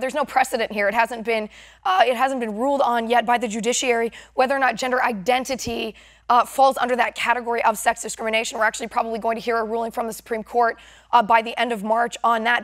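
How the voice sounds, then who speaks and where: A woman hosting a political TV interview, her voice raspy and hoarse from laryngitis, asking brisk, assertive questions. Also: on the high side. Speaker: TV news show host.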